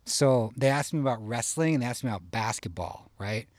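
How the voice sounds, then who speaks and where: A man's voice: medium pitch, lively intonation, fairly quick, no echo. Guy from iowa rambling thru a story, swears a lot, keeps saying you know, dry sound. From Iowa, USA. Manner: rambling, profane, tags lines with "you know?". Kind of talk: casual personal storytelling.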